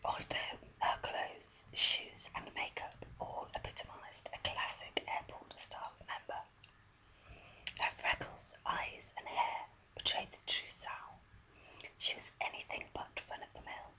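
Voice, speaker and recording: A voice whispering softly and breathily, reading a story aloud in a deliberate ASMR style, close to the microphone. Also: poor audio. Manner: soft, deliberate story reading with small stumbles.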